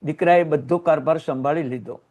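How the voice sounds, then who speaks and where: A man's voice: fairly high pitch, fairly quick. A Gujarati man preaching with surging emotion. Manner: emotional storytelling with sudden rises and hushed drops. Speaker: Jain religious teacher. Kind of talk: sermon.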